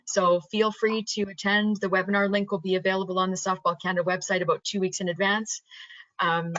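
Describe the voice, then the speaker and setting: A woman's voice: medium pitch, level tone, brisk, no echo. A woman hosts a webinar in an effusive, thankful way. The sound is dry and close, but dull and lo-fi like a video call. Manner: effusive, thanks the guest warmly. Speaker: webinar host. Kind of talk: hosting a webinar.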